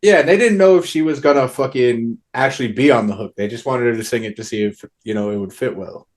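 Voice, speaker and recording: A man in his own plain mid-range voice talks easily about making his album. He leans on slang and swear words and keeps checking in with "you know what I mean". His delivery is relaxed and conversational. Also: medium pitch, quick pace. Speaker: guest musician. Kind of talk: casual music chat.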